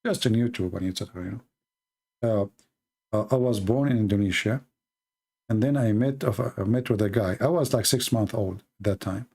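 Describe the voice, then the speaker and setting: A man giving late-night livestream commentary, mocking and halting, with sarcastic asides. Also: fairly low pitch, darkish tone. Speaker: online debate streamer.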